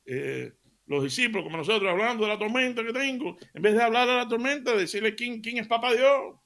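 Here a middle-aged man preaches a devotional sermon on the radio, his voice very high-pitched and his pace brisk. He animates his stories with laughs and plays out the dialogue himself.

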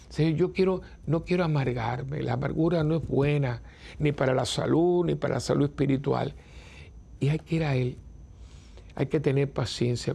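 Older priest, husky gravelly voice, chatty and chuckling, breaks off and restarts. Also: male voice, mid-range voice, dark tone. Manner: conversational, self-interrupting, chuckling. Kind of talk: informal spiritual talk.

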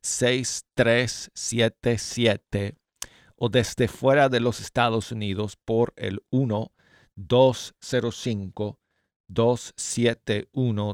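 A man's voice: fairly low pitch, no room sound, clean studio sound. A man hosting a live radio music show in a chatty, self-deprecating way, his speech slightly impeded and lisping from new dental braces. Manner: friendly, informal, joking at himself. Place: radio studio. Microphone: close studio microphone.

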